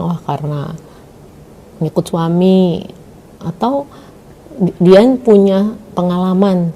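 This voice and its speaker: A woman interviewer asking slow, measured questions and giving short listening sounds. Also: fairly low pitch, dark tone, slight background noise, poor audio.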